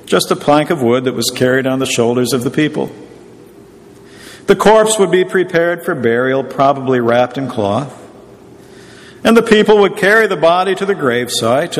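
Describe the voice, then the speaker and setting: A man preaching a sermon in a measured, explanatory teaching tone. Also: on the high side, big-room sound.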